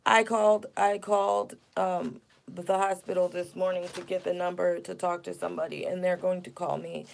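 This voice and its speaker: A woman's voice: fairly low pitch, little pitch movement, moderate pace, gravelly, a little hiss or hum. A woman in her thirties venting indignantly on a casual livestream, upset and near tears. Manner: indignant, venting, reads chat aloud. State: upset, tearful. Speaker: vlogger.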